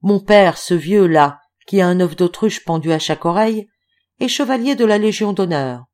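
A woman reading an audiobook voices a spirited, ingenuous young woman who speaks in bright, playful exclamations. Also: medium pitch, lively intonation, moderate pace, close to an everyday voice. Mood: teasing.

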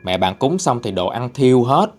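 A man's voice: medium pitch, sing-song, moderate pace. A man telling a ghost story in a casual, conversational way.

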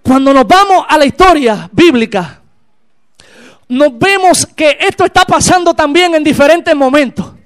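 Man, sermon, very high voice, fervent, shouts at peaks. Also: lively intonation, measured pace. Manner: impassioned, builds to shouted exclamations. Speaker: preacher. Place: church.

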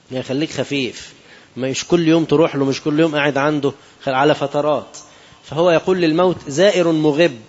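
A man's voice: a little high, muffled recording. A man with an Egyptian Arabic accent giving an Islamic sermon, moving between classical quotations and colloquial asides and putting questions to his listeners. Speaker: preacher.

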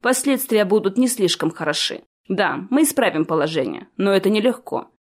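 A woman's voice: medium pitch, lively intonation, a little fast, lightly acted. A woman reading a stern old mentor. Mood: lecturing. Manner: reproachful, explaining at length. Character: elderly male ancient one, stern lecturing mentor.

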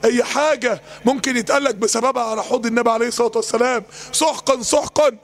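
A man's voice: very high-pitched, fairly even intonation, rapid-fire. A man with an Egyptian accent preaching an impassioned sermon in a chanting cadence. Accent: Egyptian Arabic.

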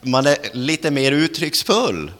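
A man's voice: fairly high pitch, big pitch swings, a bit bright, long reverb tail. A man from Sweden preaching an earnest sermon, often repeating words and restarting phrases as he goes. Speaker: pastor. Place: church.

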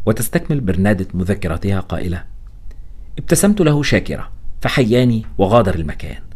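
A man's voice: sits low, darkish tone, breathy edge. A man giving a tense, dramatic audiobook narration of a first-person story.

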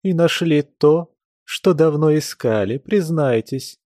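A man's voice: on the high side, expressive, slow, mellow, no echo, studio quality, voice pushed up. A man reading an audiobook, voicing a prying, coquettish society lady who coaxes and insists, eager for gossip. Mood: coaxing, prying.

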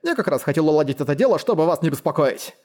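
A man's voice: a little high, big pitch swings, racing, darkish tone. A man voicing a pompous, fussy male official who talks in stiff bureaucratic phrases in an audiobook. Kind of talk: audiobook character voice.

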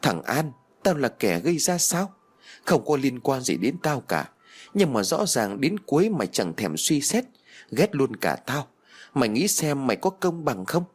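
A man voicing a blunt, hot-tempered young woman in an audio story, with a husky tone. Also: mid-range voice, very animated, a little slow, soft background music, voice pushed up. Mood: indignant.

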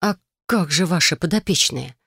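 Reader plays an earnest, worried young woman, gravelly texture, dry close recording. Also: lowish voice, lively intonation, normal speed, a bit bright, no room sound, exaggerated voice. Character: young woman heroine, grateful and anxious.

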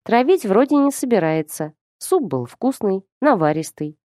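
An audiobook narrator reads a scripted fantasy novel in a steady storytelling manner. Her mid-range voice moves at normal speed, recorded dry with clean studio sound.

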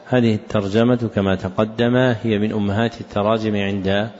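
A male teacher explains hadith narrations, pausing between short, measured phrases. His voice sits on the low side. The recording is dull, with a long hall reverb behind him. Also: level tone, darkish tone.

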